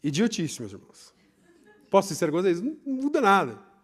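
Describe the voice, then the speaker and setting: Young Brazilian pastor with a high-pitched voice, preaching live, lively swings from loud to hushed. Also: male voice, fast. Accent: Brazilian Portuguese. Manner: animated, swings between loud emphasis and hushed asides. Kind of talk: live sermon. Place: church, live service.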